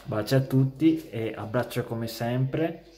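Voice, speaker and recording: A man gives a casual football reaction to camera, halting and stressing key words. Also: medium pitch, warm tone. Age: 20s. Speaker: amateur football YouTuber. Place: small plain room indoors. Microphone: phone at arm's length.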